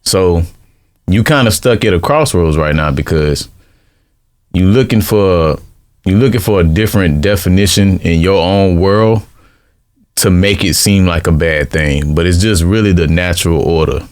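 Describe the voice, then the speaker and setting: A man's voice: sits low, normal speed, darkish tone. A man giving his views in a casual group debate. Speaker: panel speaker.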